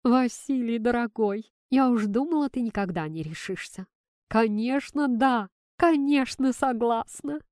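A woman voicing a soft-spoken, loving older woman who talks tenderly. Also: medium pitch, animated, measured pace, few pauses, no room sound, clean studio sound. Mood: tender, joyful.

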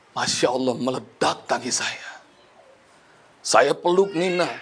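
A middle-aged man preaching a storytelling sermon, emotional, moving between hushed and raised passages. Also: a little high.

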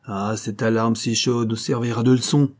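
A man's voice: medium pitch, steady tone, normal speed, darkish tone, lightly acted. A man doing an agitated government minister. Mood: hearty. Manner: agitated, then hearty and exclaiming. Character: anxious middle-aged male government minister.

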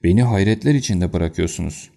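A touchy, excitable colonel, read by a man in a deep, gravelly voice. His tone stays dark even when it is worked up for an audiobook scene. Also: a little fast. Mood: agitated. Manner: agitated and excitable. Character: anxious, quick-tempered older male colonel. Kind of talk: audiobook character reading.

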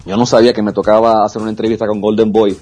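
A Spanish-speaking esports caster appears as a guest in a casual interview, speaking frankly and confidently with frequent restarts. His voice is fairly low, with little pitch movement and a darkish tone, and he races along over faint background music.

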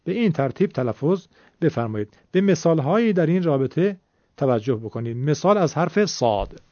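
A man with an Iranian Persian accent talks through a tajweed lesson in a patient, explanatory way, pausing to repeat the main points. His voice sits a little high for a man. It comes across dry and close, with a dull lo-fi sound. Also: sing-song, darkish tone, no room sound. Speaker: Quran recitation teacher. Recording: dull lo-fi recording.

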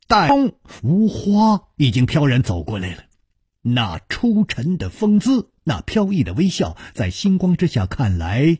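A man narrating a martial-arts tale in a Chinese storytelling broadcast, with expressive, dramatic delivery. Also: mid-range voice, husky, no room sound, studio quality.

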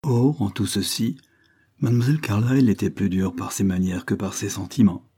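A male narrator reads a classic novel in a measured, deliberate way. His voice sits low, dark and mellow, with a husky grain. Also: fairly even intonation. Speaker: audiobook reader.

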